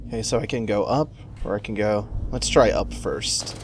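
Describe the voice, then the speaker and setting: Low-voiced man musing over a game. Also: moderate pace, a little hiss or hum. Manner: musing, thinking aloud. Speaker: gamer commentating a playthrough. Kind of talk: casual let's play commentary.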